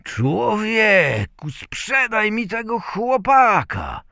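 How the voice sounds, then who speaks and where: A haughty rich lord from a folk tale, voiced by a male reader barks his words loudly and with command. His voice is a little raised and husky, recorded dry and close. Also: mid-range voice, wildly swooping pitch, takes it slowly, no echo, pitched above the performer's own voice, heavily acted. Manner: loud and commanding.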